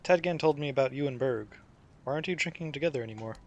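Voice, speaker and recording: A man's voice: medium pitch, very fast, muffled recording. A man doing casual commentary as a video game streamer, musing to himself and reading dialogue aloud.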